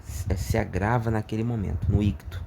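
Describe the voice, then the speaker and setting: A man explaining a word in an unscripted lesson, hesitant and filling pauses with filler sounds and tag questions, often repeating himself. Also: on the low side, steady tone, gravelly, background noise. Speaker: vocabulary teacher.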